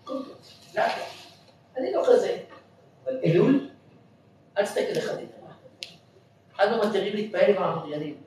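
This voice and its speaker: A man's voice: high voice, animated, pauses often, a little mellow, distant mic, slight background noise. A man voicing a blunt, earnest dog owner in a story he tells, recorded from afar in an echoey hall.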